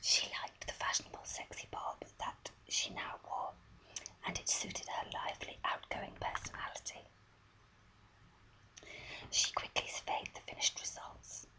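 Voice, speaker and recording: A voice whispering softly and breathily, reading a story aloud in a deliberate ASMR style, close to the microphone. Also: low-quality recording. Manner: soft, deliberate story reading with small stumbles.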